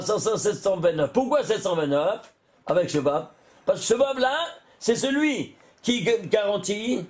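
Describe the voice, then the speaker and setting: A man, a rabbi, giving an animated Torah lesson, often exclaiming and putting questions to his listeners. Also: sits high.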